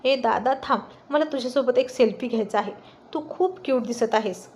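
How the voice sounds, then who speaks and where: A woman's voice: on the high side, brisk, darkish tone, a little hiss or hum, natural voice. A woman reading a story aloud and voicing a cheerful younger sister who teases her brother. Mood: teasing. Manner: playful, teasing.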